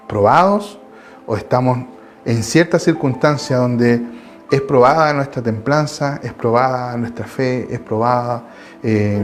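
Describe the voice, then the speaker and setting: A man's voice: mid-range voice, a little mellow. A man with a Chilean Spanish accent preaching a Bible study from his home, earnest and repeating his phrases. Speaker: lay preacher.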